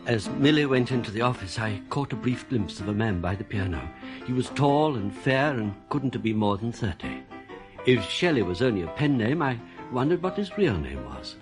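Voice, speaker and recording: In a radio thriller, a male actor plays an uneasy, suspicious composer who confides his own story in troubled first-person narration and dialogue. His mid-range voice is expressive at a normal speed, lightly acted, with music in the background.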